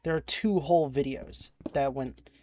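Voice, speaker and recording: At a moderate pace, a young man with a medium-pitched, darkish voice narrates his video game for a let's-play. He rambles, grows frustrated, swears, and restarts his sentences. Faint keyboard clicks mix with slight background noise.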